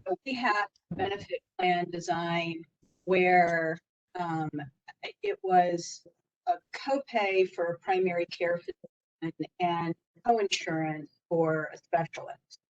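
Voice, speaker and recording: A woman's voice: on the low side, slow pace. Woman on a call, audio crackling and cutting out, kinda muffled, keeps restarting. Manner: explaining with restarts. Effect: choppy, crackling connection cutting out. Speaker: committee member on a call. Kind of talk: online meeting discussion. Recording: dull lo-fi computer mic.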